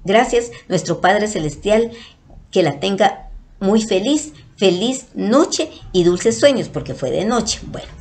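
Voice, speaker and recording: A Guatemalan woman vlogger telling a story to her followers, affectionate and animated, acting out the people she quotes. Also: slow pace. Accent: Guatemalan Spanish. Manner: affectionate, calls listeners "mis amores"; animated, acts out quotes with big pitch jumps.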